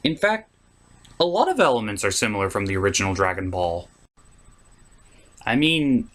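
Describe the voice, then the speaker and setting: A man with a mid-range, fairly bright voice hosts a scripted, comedic cartoon review. He comes across as theatrical and opinionated, using crude turns of phrase, and a music bed runs behind him.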